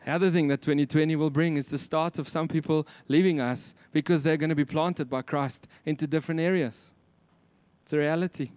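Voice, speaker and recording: High-pitched South African Afrikaans preacher, a man. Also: fairly even intonation, fairly quick, a little mellow, smooth, no echo. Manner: emphatic rhetorical questioning and repetition. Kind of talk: sermon.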